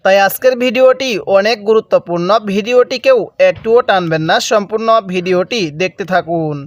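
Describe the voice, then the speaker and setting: High-voiced male Quran reading teacher. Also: no room sound, highs cut off. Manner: slow drawn-out recitation of example words, then brisk explanation. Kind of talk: recitation lesson, spelling out words.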